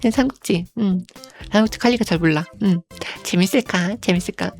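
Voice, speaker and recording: A woman streaming as a virtual creator, chatting casually and unhurriedly, filling pauses with soft hums and speaking of herself in the third person. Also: mid-range voice, gravelly, soft background music.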